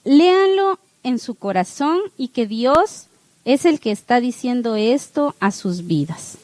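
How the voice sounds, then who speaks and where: High-pitched lady teacher, keeps going "¿sí?", talking right to the class, dry close sound. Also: animated, measured pace, no echo, rough recording. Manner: checks in with the listeners by asking "¿sí?" over and over; speaks straight to the audience with warm, coaching encouragement. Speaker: teacher leading an online class. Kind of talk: instructive talk to a class with a spiritual close.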